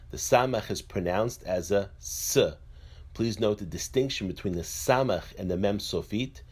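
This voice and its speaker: A man calmly and methodically explaining letters one by one, in a slow instructional way. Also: low voice, breathy edge. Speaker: teacher. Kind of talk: instructional narration.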